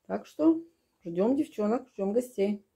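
A woman's voice: mid-range voice, lively intonation, unhurried, vocal fry. An older woman hosting a home vlog in her kitchen, chatting casually and fondly with her guests. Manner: warm fussy hostess, affectionate diminutives. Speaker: vlog host, grandmother.

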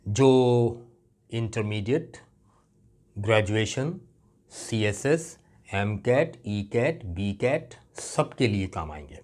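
A middle-aged man, teaching English grammar in a classroom lecture. He asks questions and answers them himself, and reads out example phrases slowly. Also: mid-range voice, darkish tone, breathy edge. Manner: explains patiently, asks and answers his own questions; often adds a checking "right?" aside. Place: classroom with a board.

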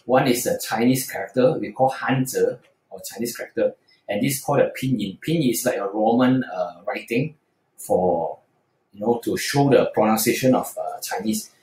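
Man, mandarin tutor, hesitant, lots of fillers, echoey room, mid pitch. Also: animated, normal speed, darkish tone. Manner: hesitant, frequent fillers and restarts. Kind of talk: screen-recorded tutorial explanation.

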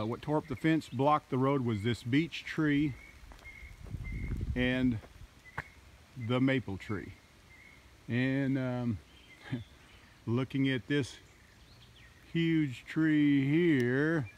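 Slow-talking man touring his farm. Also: medium pitch. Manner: slow, unhurried, halting with fillers. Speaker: farmer vlogger. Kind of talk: casual walking tour narration. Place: outdoors on a wooded farm. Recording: faint outdoor noise.

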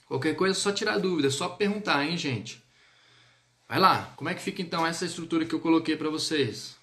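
Guy teaching french live online, kinda high voice, keeps checking in on viewers. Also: fast, sharp tone. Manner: encouraging, checks in with viewers often.

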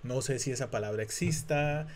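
A man from Latin America, a native Spanish speaker, teaching an English exam lesson in a relaxed, chatty way, thinking aloud with many fillers and restarts. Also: mid-range voice, moderate pace. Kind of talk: casual online lesson.

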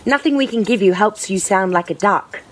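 A woman's voice: medium pitch, animated, normal speed, lightly acted. A woman voicing a group of sympathetic farm animals who explain things apologetically. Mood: apologetic.

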